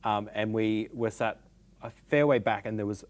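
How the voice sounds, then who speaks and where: An Australian man co-hosting a casual chat, easygoing and quick to laugh. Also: lowish voice. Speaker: podcast co-host.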